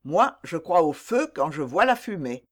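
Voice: medium pitch, sing-song, measured pace. Wry, worldly old musketeer captain, teasing and blunt, as an audiobook reader does him; classic-novel reading. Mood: mocking. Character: seasoned musketeer captain, older man, wry and mocking.

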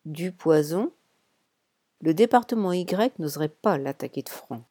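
A woman narrating a novel chapter in a measured, deliberate reading with pauses. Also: low-pitched, animated, mellow, dry recording. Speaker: audiobook narrator. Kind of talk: scripted narration.

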